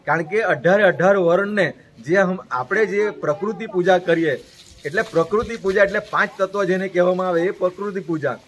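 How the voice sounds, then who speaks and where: A man's voice: high-pitched, fairly quick, rough recording. A man from Gujarat, an interview guest, delivering an earnest, preachy message and repeating his points in long lists.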